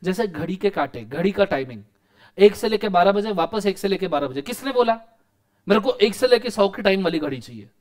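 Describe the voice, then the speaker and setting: A man with an Indian accent giving a lively law lecture to students, often checking if they follow and acting out little quoted lines. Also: sits high, a little fast. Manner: animated, asks questions, acts out quotes. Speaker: teacher.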